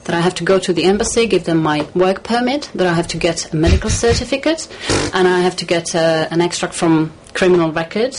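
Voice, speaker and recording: Guesting in a radio studio interview, this Czech woman talks hesitantly and deliberately, filling gaps with many fillers. Her pitch is fairly low, and there's noise in the background.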